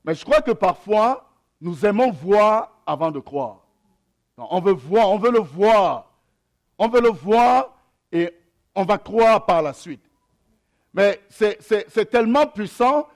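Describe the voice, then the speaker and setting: In his sermon, a young adult pastor whose native language is an African tongue reads scripture slowly, then preaches expressively in a high-pitched voice, hesitating and repeating phrases.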